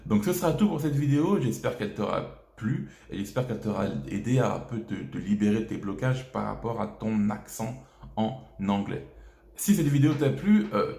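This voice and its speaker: A man's voice: lowish voice, creaky, dark tone. A French man hosting a casual video lesson, talking straight to the viewer with many hesitations and restarts. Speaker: English teacher, channel host. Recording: echoey room.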